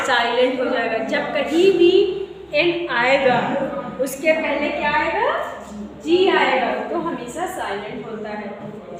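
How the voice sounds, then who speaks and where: High-voiced woman teaching in an echoey room. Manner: repeats questions to pupils, calls them beta. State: has a cold. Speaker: English teacher. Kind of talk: classroom lesson. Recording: echoey room from far off, noisy.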